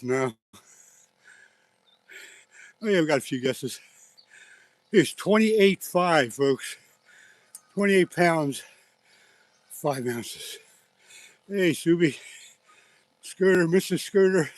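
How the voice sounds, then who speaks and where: A man livestreaming a catch from a riverbank outdoors, excited and out of breath, exclaiming often. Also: fairly high pitch, takes it slowly, long pauses, no echo. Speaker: fishing livestreamer. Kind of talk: live fishing stream chat.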